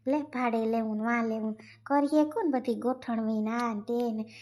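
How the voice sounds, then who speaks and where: A woman's voice: fairly high pitch, fairly even intonation, moderate pace, darkish tone, natural voice. A woman voicing an elderly, worn-out mother who keeps complaining and scolding. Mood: grumbling. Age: older. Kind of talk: cartoon family drama.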